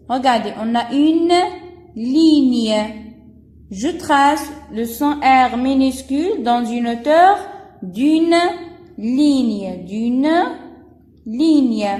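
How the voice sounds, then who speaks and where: A woman teacher giving a slow, deliberate reading lesson for first graders, repeating each syllable. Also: high voice, darkish tone. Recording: echoey room with long reverb.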